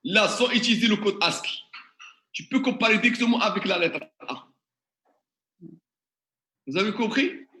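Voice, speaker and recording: A man's voice: high voice, normal speed, long pauses, pushed and bright. A man teaching a classroom tutorial, questioning the class and working through examples step by step. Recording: echoey classroom.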